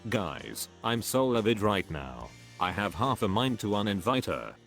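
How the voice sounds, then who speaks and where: A man narrating a story in an even, steady reading voice. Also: on the low side, measured pace, creaky, faint music behind.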